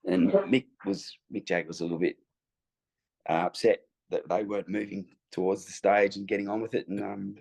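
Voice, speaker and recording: A man with a low, gravelly voice and a husky edge recounts his touring days as an interview guest. He talks in a rambling, hesitant way, circling back and restarting as the story unfolds. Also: steady tone, a little fast, a little mellow. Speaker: guest musician. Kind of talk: interview anecdote.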